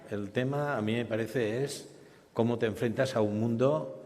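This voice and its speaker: A man's voice: mid-range voice, moderate pace, a little mellow. A man speaking on a conference panel, stammering into restarts and tagging his points with questions. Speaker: business school panelist. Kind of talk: panel discussion. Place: conference stage. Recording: reverberant conference hall.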